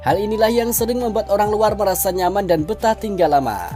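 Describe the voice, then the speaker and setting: A woman's voice: mid-range voice, fairly quick, mellow, faint music behind. A woman reading scripted documentary-style narration.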